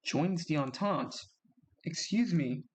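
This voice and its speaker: A man talks through his strategy game in a relaxed, unhurried way, his voice sitting a little higher than most. He muses aloud and reacts to each turn with small exclamations. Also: slight background noise. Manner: chatty, reacts aloud with gasps and laughs while playing. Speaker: gaming YouTuber. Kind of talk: casual strategy game commentary.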